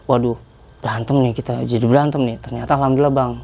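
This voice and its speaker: A young man tells a story on a podcast in an easy, chatty way, and his sentences wander. His voice is low and mellow with a gravelly edge, and his pitch sits in a middle range. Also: steady tone, quick pace. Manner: chatty, rambling, with many filler tags. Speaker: guest telling a hiking story.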